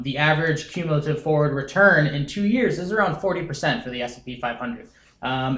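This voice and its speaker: Casting: earnest young research analyst, lots of um's, echoey room. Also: male voice, mid-range voice, a bit bright. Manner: earnest, many "um" fillers. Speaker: director of research. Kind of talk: explaining market data. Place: wood-paneled conference room. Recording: roomy conference room echo.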